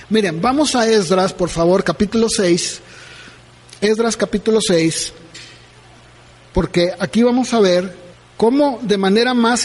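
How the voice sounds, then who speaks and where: A male pastor preaching a sermon, telling a story and acting out the people in it, then reading scripture aloud. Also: sits high. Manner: animated, acts out conversations in quoted voices. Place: church. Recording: reverberant church hall.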